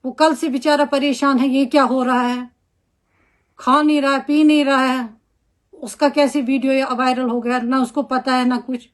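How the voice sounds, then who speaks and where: A woman's voice: sits high, little pitch movement, moderate pace. A woman with a Kashmiri accent, a homemaker, gives an angry, scolding statement in a social media video.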